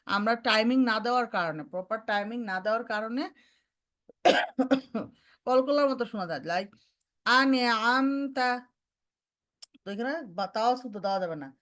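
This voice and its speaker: High-voiced woman teaching recitation. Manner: mixes English terms into her talk and demonstrates recitation slowly. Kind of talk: online recitation lesson.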